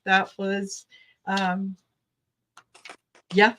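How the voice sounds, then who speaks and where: Female host, unhurried chatty delivery, tarot reading show. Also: mid-range voice, monotone, pushed and bright, a little hiss or hum. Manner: slow, chatty, acts out quoted voices. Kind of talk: casual chat reading tarot cards.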